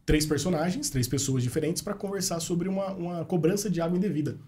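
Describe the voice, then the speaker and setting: A man tells stories in a relaxed podcast chat, voicing the people he quotes. His voice sits a little high for a man. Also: fast. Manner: animated storyteller, acts out quoted dialogue. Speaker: journalist and radio host, podcast guest.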